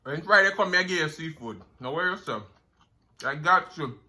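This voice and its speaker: A man's voice: on the high side, animated, normal speed, sharp tone. A man with a Jamaican accent chatting casually as a mukbang host, eating crunchy fried chicken between savoring mms. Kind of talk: casual eating-show chat.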